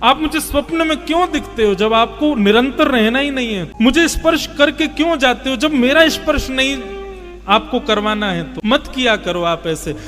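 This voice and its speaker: A storyteller voicing a devoted woman who pleads with her god in a plaintive, high voice. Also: lively intonation, normal speed, a bit bright, long reverb tail, soft background music. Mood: pleading. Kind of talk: storytelling in character.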